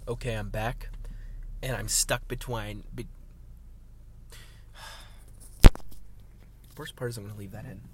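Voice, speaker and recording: A man's voice: lowish voice, fairly even intonation, slow, pauses often. Young man rambling in his car. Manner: rambling, joking, self-narrating. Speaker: podcast host. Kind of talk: casual solo podcast while driving. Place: inside a car. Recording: clear car noise behind. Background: car and road noise.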